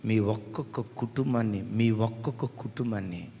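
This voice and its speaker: A middle-aged man preaching a sermon as a pastor, moving between hushed storytelling and loud, fervent declarations, recorded in a church hall. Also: lowish voice, normal speed, creaky. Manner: swings from soft tearful storytelling to loud impassioned preaching. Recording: long hall reverb.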